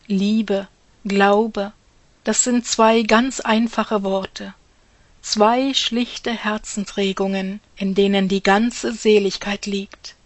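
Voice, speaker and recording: A woman reads a devotional message in a slow, unhurried voice, speaking as God the Father. Her tone is earnest and exhorting, and her phrase endings often fall to a hushed softness. The recording is dry and close, with no room sound. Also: medium pitch, level tone, no room sound.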